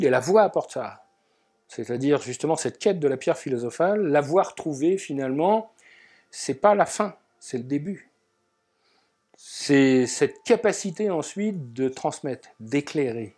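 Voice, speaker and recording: A man giving a spoken talk about inner life, musing and telling anecdotes, with pauses and filler words. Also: a little high, darkish tone, breathy edge. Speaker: alchemy speaker. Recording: faint guitar music behind.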